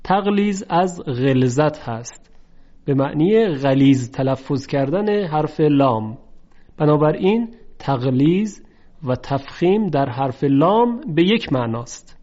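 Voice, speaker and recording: Male recitation teacher, measured and methodical, drawn-out chanted examples, somewhat higher voice, muffled lo-fi sound. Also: animated, mellow. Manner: slow, careful, repeats example words in drawn-out chanting. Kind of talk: tajweed lesson. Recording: dull lo-fi recording.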